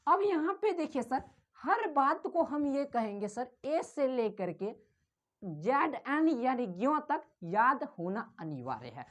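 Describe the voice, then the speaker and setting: A woman teacher explains spelling step by step, calls the viewer "sir" and repeats each sound over and over. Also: sits high. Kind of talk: slow classroom explanation, repeating drills.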